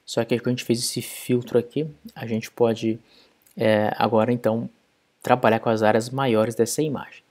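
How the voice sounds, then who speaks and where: A man's voice: medium pitch, little pitch movement, normal speed, a little mellow. A man explaining code step by step in a programming tutorial screencast. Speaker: programming instructor.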